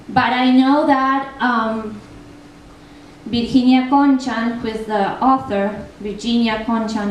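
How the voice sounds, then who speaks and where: Her voice is on the high side with a darkish tone: a young native Spanish speaker from Argentina, heavily accented, chatting on a translation panel and reading poetry aloud at a festival event room. She talks freely, often with ums and restarts. The audio feels distant and echoey, with faint noise.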